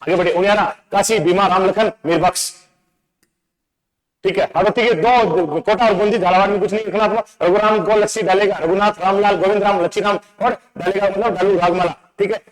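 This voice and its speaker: A man teaching an exam-prep lesson, playful and asking quick quizzing questions over and over. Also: high voice, fairly even intonation, rough recording. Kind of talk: exam-prep lecture with memory tricks.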